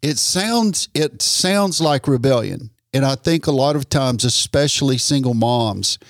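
A man hosting an interview podcast, speaking in a measured, reflective way and affirming his guest. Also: mid-range voice, lively intonation, no room sound, studio quality. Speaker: podcast host.

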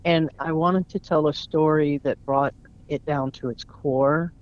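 A man's voice: on the high side, steady tone, a little slow. Man reading a short story aloud. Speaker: guest author. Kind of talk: spoken word story reading. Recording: dull lo-fi recording.

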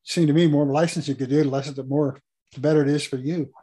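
A hoarse man interviewing a business guest, chatty and asking leading questions. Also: a little high, steady tone, fast talker, dark tone. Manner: conversational, asks leading questions.

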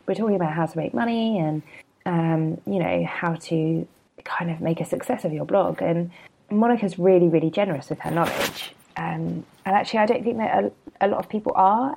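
A woman's voice: lowish voice, vocal fry, mellow, breathy edge. A woman in her thirties hosting a casual solo podcast, chatty and self-deprecating, rambling into asides, a bit hungover. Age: 30s. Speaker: podcast host and blogger.

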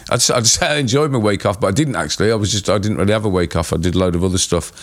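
A man in his fifties with an English accent and a hoarse voice, chatting casually as a co-host in a rambling, matey, sweary way. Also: on the low side, racing. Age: 50s. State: hoarse from screaming at a concert. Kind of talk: casual chat.

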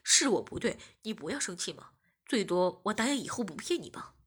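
A woman's voice: medium pitch, very animated, a little fast, a bit bright, breathy edge, voice pushed down. A woman voicing a young husband who teases and coaxes his wife. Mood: coaxing. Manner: coaxing, teasing. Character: teasing young husband, smug and coaxing.

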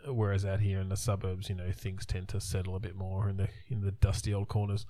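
A man's voice: low voice, flat delivery, brisk, warm tone, no room sound. A man in his thirties co-hosting a podcast, chatting casually and rambling with many restarts. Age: 30s. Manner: rambling, restarts often, trails off. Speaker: podcast co-host. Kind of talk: casual chat.

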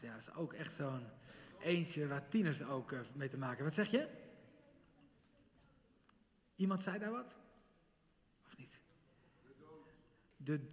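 A middle-aged man giving an interactive sermon to teenagers, lively and questioning the audience directly in a large hall. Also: fairly high pitch. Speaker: youth speaker. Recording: long hall reverb.

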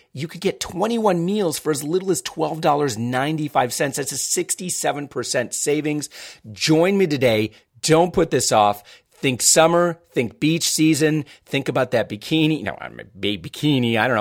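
A man hosting a podcast, talking casually and upbeat, with many fillers and restarts. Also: medium pitch. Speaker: podcast host. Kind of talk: casual podcast chat with promos.

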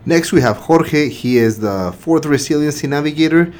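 A man's voice: a little high, normal speed, darkish tone. A man from Mexico hosting a podcast and speaking in an earnest, reflective way, with many fillers and restarts. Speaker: host, center director. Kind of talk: podcast hosting and personal sharing.

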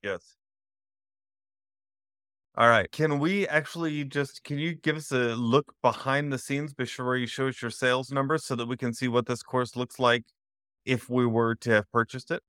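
A man's voice: mid-range voice, fairly even intonation, moderate pace, fairly bright tone, clear, resonant tone, no room sound, studio quality. A man hosting an interview over a video call, reacting with upbeat enthusiasm. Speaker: host. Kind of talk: casual interview chat.

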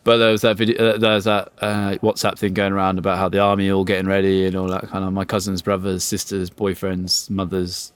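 A man's voice: low voice, completely flat delivery, fast, hardly any pauses, clean tone, no echo. A young man, chatting casually as a podcast co-host, jokey and rambling, swearing freely. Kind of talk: casual chat.

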